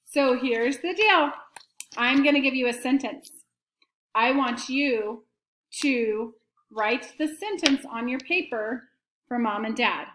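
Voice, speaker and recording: A woman teacher giving an early-grade writing lesson and slow dictation to students at home, prompting them patiently. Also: fairly high pitch, fairly bright tone, echoey room, slight background noise.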